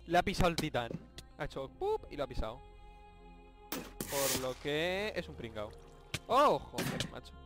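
A young man from Spain with a Spanish accent, giving jokey, excitable commentary over a Minecraft let's play, yelping and shouting when surprised. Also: medium pitch. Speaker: gaming YouTuber. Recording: game music playing behind. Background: game music.

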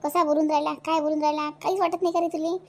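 A woman does cartoon voice acting as a fierce, middle-aged village widow who has run out of patience and furiously scolds her idle grown son. The high-pitched, sharp-tongued mother speaks very fast and flat in a broad Vidarbha Marathi accent.

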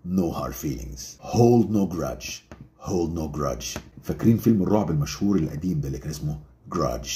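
A man's voice: very deep voice, expressive, warm tone. Egyptian man teaching English phrases. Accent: Egyptian Arabic. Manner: says English phrases very slowly, then quick joking asides. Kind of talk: casual language lesson.

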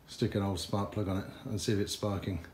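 A man's voice: on the low side, little pitch movement, a little fast, a little mellow. A man works on a motorcycle in his garage and talks his way through each step. He sounds frustrated and mutters his thoughts aloud, with faint noise in the background. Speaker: motorcycle mechanic vlogger. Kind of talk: talking to camera while working on a bike.

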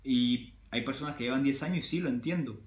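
A man with a Cuban Spanish accent chats straight to camera, working through his point with plenty of restarts and everyday examples. His voice sits at a middling pitch and carries the echo of a bare room. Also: brisk. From Cuba. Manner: conversational, many restarts and examples. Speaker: vlogger. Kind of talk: casual talk to camera.

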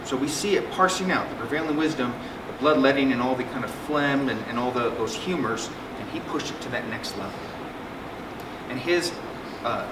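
The voice is medium-pitched, belonging to a middle-aged psychiatrist giving a casual, humorous symposium talk riddled with fillers and false starts. He's in a conference room with a projector screen; the room echoes, the mic sits far away, and the air conditioning hums.

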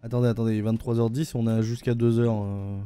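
A man's voice: mid-range voice, level tone, fairly quick, mellow. A man with a French accent giving casual live-stream commentary while playing a game, rambling and hesitant with lots of fillers. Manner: rambling, hesitant, lots of "euh" and repeated "attendez".

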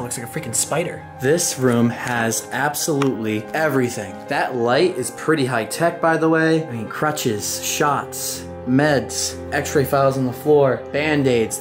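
An excitable young man narrates his walk through an abandoned hospital, exclaiming and swearing casually as he goes. He speaks at an ordinary pitch into a handheld camera mic. Faint music plays underneath. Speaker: urban explorer host. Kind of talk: casual exploration vlog. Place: inside a dark abandoned hospital.

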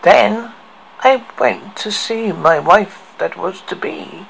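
A man voicing a deranged, tormented killer in a creaky, gravelly voice, telling a horror story with slow, halting, theatrical delivery on an amateur recording. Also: high voice, fairly bright tone, a little hiss or hum, voice pushed up, heavily acted, rough recording. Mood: menacing. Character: deranged male killer tormented by worms in his head. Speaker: horror host. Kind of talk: dramatic horror story recital.

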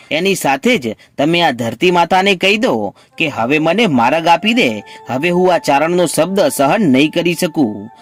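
A solemn, impassioned devout wife from a devotional storybook telling, her vow delivered in a slightly raised register. A male storyteller acts her out in his own voice. Soft music plays faintly behind her. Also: fairly high pitch.

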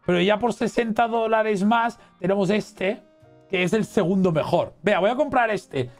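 A man with a Spain Spanish accent giving excitable, exclamatory let's play commentary as a gaming streamer. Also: sits high, moderate pace, soft background music. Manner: excitable, exclamatory, cheering and reading chat aloud.

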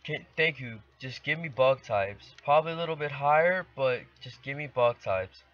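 A man's voice: medium pitch, animated, moderate pace, dry recording. A teenage boy commentating a video game from his bedroom, playfully trash-talking the opponents. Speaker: gaming channel host. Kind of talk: let's play commentary. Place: bedroom at home. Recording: dull lo-fi dry home recording.

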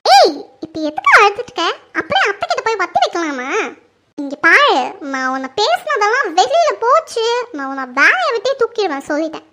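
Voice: extremely high pitch, huge pitch swings, a little fast, bright, forceful tone, slight background noise, exaggerated voice. A performer voicing an arrogant young daughter-in-law who scolds and threatens in a family drama skit. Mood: scornful.

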